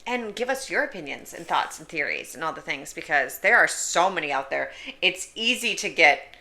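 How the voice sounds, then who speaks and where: Animated, bright-voiced woman podcaster. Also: low voice, creaky. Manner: animated, excitable, quick jokes and rhetorical questions. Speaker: podcast co-host. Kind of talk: casual chat.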